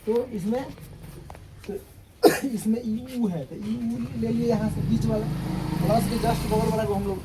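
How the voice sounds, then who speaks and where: A man's voice: high-pitched, steady tone, a little slow, heavy background noise. A male teacher giving a classroom grammar lecture, explaining step by step and often checking that students understand.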